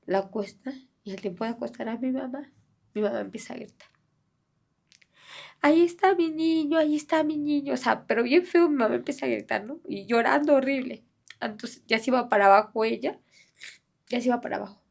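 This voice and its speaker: Gravelly woman, soft and halting. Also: fairly high pitch. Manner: halting, soft-spoken, many fillers and restarts. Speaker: interviewee, bereaved mother. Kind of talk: personal testimony in an interview.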